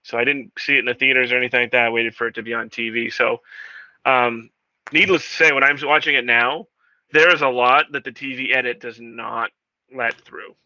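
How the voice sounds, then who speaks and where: A man co-hosting a movie podcast, talking in an animated, mocking way with quick laughs. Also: medium pitch, dry recording. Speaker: podcast co-host. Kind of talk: casual movie chat. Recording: dry, dull lo-fi mic.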